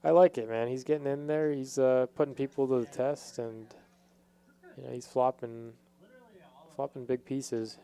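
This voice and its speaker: Guy doing laid-back poker commentary, soft mellow tone, clean smooth voice, kinda feels his way through sentences. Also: mid-range voice, fairly even intonation, normal speed. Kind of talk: casual live poker commentary.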